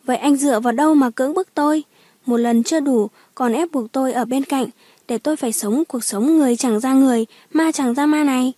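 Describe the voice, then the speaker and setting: A woman's voice: a little high, steady tone, a little fast, dark tone, dry recording, lightly acted. A woman voicing a cold, vengeful young woman who sneers and screams back in an audiobook drama. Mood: shrieking. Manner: sneering, shrieking.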